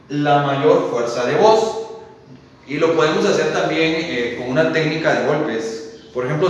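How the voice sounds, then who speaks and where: A man's voice: fairly high pitch, far from the mic. Male teacher explaining in an echoey room. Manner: explanatory, uses many fillers and asks "¿verdad?". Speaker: primary school teacher. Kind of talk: classroom lesson on Spanish accent rules.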